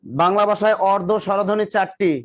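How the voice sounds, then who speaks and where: A man's voice: high voice, fairly even intonation, fairly quick. A man. He fires the same question again and again, then teases and scolds his students. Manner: drills students with repeated questions, teasing and scolding. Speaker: exam coaching teacher. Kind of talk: live classroom lecture.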